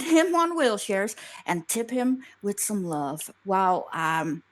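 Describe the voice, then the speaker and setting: A woman hosting a casual live online show over voice chat, bubbly and playful, stumbling and restarting her sentences. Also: mid-range voice. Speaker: show host. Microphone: push-to-talk voice chat mic.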